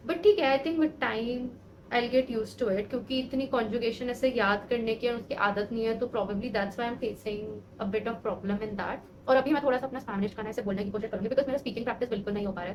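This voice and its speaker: Here the same kind of talking-head vlog comes from a woman in her twenties who is learning a language, with a voice on the high side against a noisy background. She chats casually, poking fun at herself and sounding exasperated over her difficulties.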